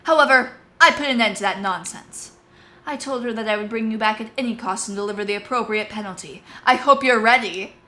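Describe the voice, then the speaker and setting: Casting: woman playing a stern, formal female officer with a bright, firm voice. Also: a little high, brisk. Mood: commanding.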